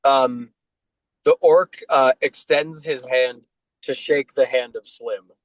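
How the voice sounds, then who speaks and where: A man's voice: medium pitch, slow pace, dry recording, low-quality recording. Man as game master, easygoing, lots of "um", close dry mic. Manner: relaxed, with many fillers. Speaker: dungeon master. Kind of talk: narrating a tabletop game.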